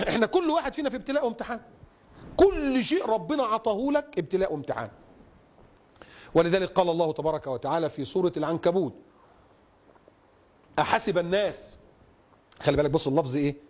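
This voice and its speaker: A man preaching in an Egyptian Arabic accent, emphatic and repetitive, asking rhetorical questions and reciting verses slowly. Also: high-pitched, animated, a little mellow. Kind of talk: sermon.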